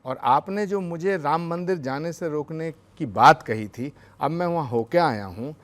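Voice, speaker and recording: A man's voice: on the high side, measured pace. A man who is a spiritual leader speaking on a televised news debate, formal and devotional, earnest and emphatic.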